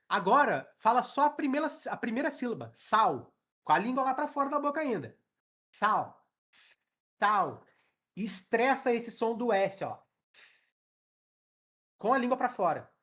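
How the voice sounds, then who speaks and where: A young man with a very high-pitched voice and a Brazilian Portuguese accent gives a live English class online via webcam. He demonstrates sounds out loud and keeps checking in with the students.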